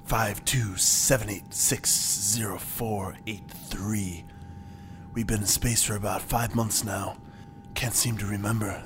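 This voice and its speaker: Man acting weary starship captain, subdued, deadpan log entry, comic sci-fi audio drama, music behind. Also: on the low side.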